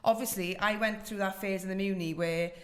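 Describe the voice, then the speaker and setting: A woman podcast host with a Welsh Valleys accent and a mid-pitched voice. She talks casually and chattily, slipping into little quoted asides as she goes. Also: steady tone, a little fast. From South Wales Valleys. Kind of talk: casual chat.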